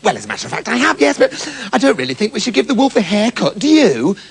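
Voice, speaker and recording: A man's voice: high voice, wildly swooping pitch, fast, vocal fry, slightly rough, full character voice. A man doing a dithering, fretful mother goat. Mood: flustered. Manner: flustered, melodramatic wailing.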